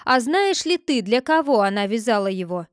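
A woman's voice: fairly high pitch, very animated, moderate pace, smooth, no echo, clean studio sound. A woman reading a storybook, voicing a stern male judge who questions sharply. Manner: interrogating, insistent.

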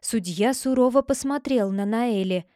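A woman narrating a fairy tale in an even, clear storytelling manner. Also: fairly high pitch, moderate pace, no room sound, clean studio sound. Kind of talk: storybook reading.

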